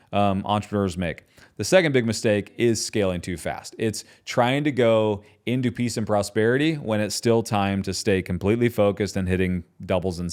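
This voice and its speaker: Guy with a lowish voice hosting a podcast, passionate and chatty, keeps tossing in little questions. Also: a little mellow. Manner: passionate, conversational, frequent tag questions. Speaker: podcast host and business founder. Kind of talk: solo podcast talk.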